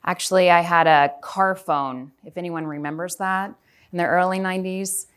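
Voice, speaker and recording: A woman in her forties from Houston, Texas gives a chatty talk in a conference hall, putting questions to the audience. Her voice sits on the low side with a steady tone and a clean sound, at a moderate pace.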